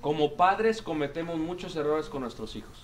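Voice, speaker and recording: A man's voice: fairly high pitch, normal speed, slight background noise. A man preaching a sermon, emphatic and repetitive, often calling the congregation "brothers". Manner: emphatic, repeats lines, addresses congregation as brothers.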